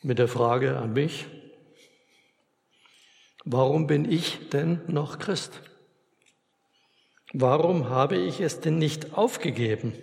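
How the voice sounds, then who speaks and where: A man preaching a sermon in a church, earnest and emphatic, with long pauses. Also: medium pitch, vocal fry. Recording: long reverb of a church hall.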